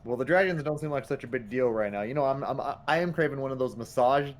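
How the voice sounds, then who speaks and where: A man's voice: mid-range voice, fast. A man as a player in a tabletop game, talking in a rambling way and repeating his words. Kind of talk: casual tabletop play.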